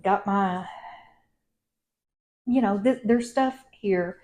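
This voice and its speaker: A woman's voice: medium pitch, very slow, darkish tone. A woman, chatting casually in a rambling, folksy way as she tidies her home and talks to viewers on a clip-on mic. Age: 50s. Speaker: lifestyle vlogger. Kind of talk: casual home vlog chat. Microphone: wired clip-on mic.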